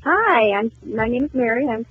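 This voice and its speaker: A woman's voice: fairly high pitch, lively intonation, moderate pace, a little hiss or hum. A woman calling in to a radio show as a volunteer, heard over the phone line, earnest and eager in casual talk. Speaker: caller, volunteer. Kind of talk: casual call-in chat. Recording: tinny dry phone line.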